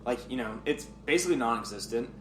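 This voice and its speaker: A man's voice: medium pitch, expressive, fast talker, a little hiss or hum. Rambling young man in echoey room. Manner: rambling, fills speech with "like". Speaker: vlogger. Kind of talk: casual storytelling. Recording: roomy echo.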